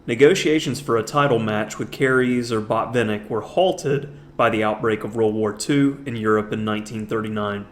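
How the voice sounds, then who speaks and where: A man's voice: lowish voice, normal speed, hardly any pauses, a little hiss or hum. A man narrating a chess lesson, walking through a historic game move by move and stretching out the words he wants to stress. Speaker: chess instructor.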